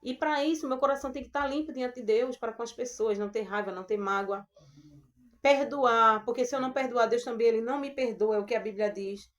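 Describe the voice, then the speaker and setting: A woman with a Brazilian Portuguese accent preaches a devotional message in a gentle, earnest way. Her voice sits a little high for a woman. She talks straight to her listeners and calls them sisters. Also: quick pace. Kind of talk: devotional Bible talk.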